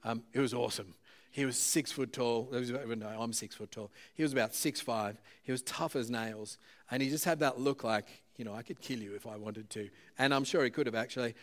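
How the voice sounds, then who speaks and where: A man preaching a sermon in a relaxed, conversational way, with plenty of "um"s and self-deprecating asides. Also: medium pitch, fairly quick.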